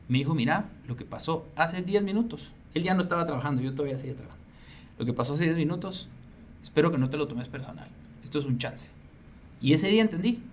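A man, a business owner telling stories as an interview guest. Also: a little high. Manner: animated storyteller. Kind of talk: casual interview. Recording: faint ambient noise.

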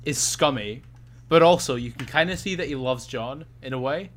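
A man's voice: medium pitch, moderate pace, fairly bright tone. Casual male podcast co-host. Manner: laughs often, trails off, swears. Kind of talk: casual chat.

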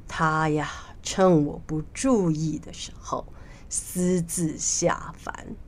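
A woman voicing an ancient, gentle male immortal sage who speaks slowly and softly. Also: low-pitched, fairly even intonation, in a whisper, pitched below the performer's own voice. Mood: gentle pleading. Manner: slow, soft and hushed.

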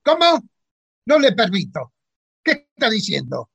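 A middle-aged Argentine man with a husky, fairly high voice, acting in a comedy sketch. He stammers and frets in slow, halting bursts, with a lively up-and-down pitch. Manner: flustered, stammering, panicky. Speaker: sketch character, supposed astronaut.

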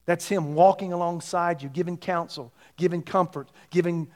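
Emphatic middle-aged male preacher, higher-pitched voice. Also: steady tone, normal speed. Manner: emphatic preaching with rhetorical questions, swinging from loud to hushed. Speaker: pastor. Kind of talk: sermon to a congregation.

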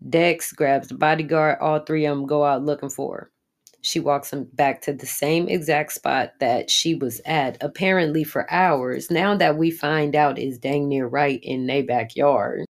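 A woman giving a chatty, profane recap of a TV episode, talking straight to her viewers. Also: low voice. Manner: chatty, profane, addresses audience directly. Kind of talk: casual recap monologue.

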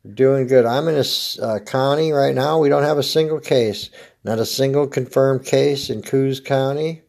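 An American man in his fifties with a gravelly smoker's rasp, giving a casual, rambling comedic monologue as a podcast host, dry and laid-back. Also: mid-range voice, normal speed, darkish tone. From Oregon, United States.

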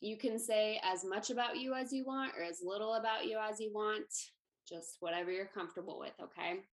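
A woman's voice: mid-range voice, fairly quick. A woman who works as a music therapist, casually leading a group discussion in a friendly, informal, reassuring way. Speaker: music therapist and panel moderator.

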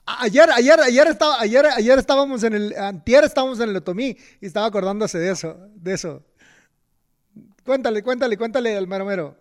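A man's voice: extremely high pitch, fairly quick. A man with a Mexican accent in casual chat, often repeating words as he talks.

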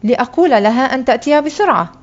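A woman reader voicing a calm little girl who answers plainly, in a dull lo-fi recording. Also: sits high, fast, pitched above the performer's own voice. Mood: matter-of-fact. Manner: plain, matter-of-fact.

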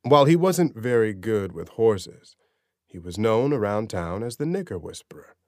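A male audiobook narrator with a dry, sardonic delivery. His voice sits low but swings widely in pitch as he tells the story. The recording is dry and close. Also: sing-song, moderate pace, a little mellow, no echo. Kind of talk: scripted narration.

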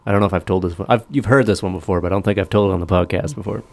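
A man's voice: sits low, racing, vocal fry, a little mellow. A man hosting a podcast, chatting casually, telling jokes and laughing often. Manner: laid-back, laughs often, rambling storyteller. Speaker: podcast host. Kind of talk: casual chat and joke telling.

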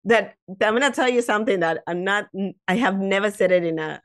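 A woman in her fifties with a mid-range voice, speaking a little fast in English, which isn't her first language. She's a podcast guest in a casual interview, telling stories animatedly with lots of restarts, asides and "you know."

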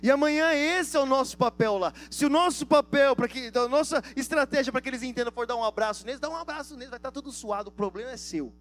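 A man preaching a sermon, telling stories in a lively, slangy way and acting out the dialogue. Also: extremely high pitch, quick pace, few pauses, faint music behind. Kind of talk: sermon with storytelling.

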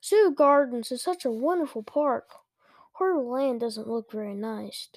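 A woman's voice: on the high side, measured pace, no room sound. A woman voicing an impatient, doubtful mother in a storybook reading.

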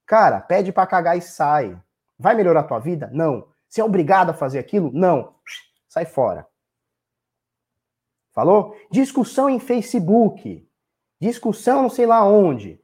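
Man, Brazilian Portuguese accent, thirties, husky, high lively voice, blunt profane rant, tipsy streamer. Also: normal speed, long pauses. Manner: blunt, swears freely, repeats points for emphasis. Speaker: live streamer answering chat.

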